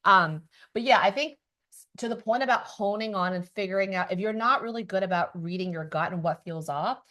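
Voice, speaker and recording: Woman podcast host, mid-pitched, emphatic, casual and animated. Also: fairly quick. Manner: emphatic and animated, acts out quoted people. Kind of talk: casual chat.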